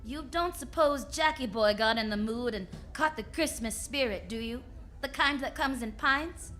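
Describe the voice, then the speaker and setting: A woman's voice: a little high, moderate pace, a bit bright, faint music behind, natural voice. A woman playing a confident, wisecracking female sleuth in 1940s radio detective style, with a wry, breezy, slangy manner. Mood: wry, obliging.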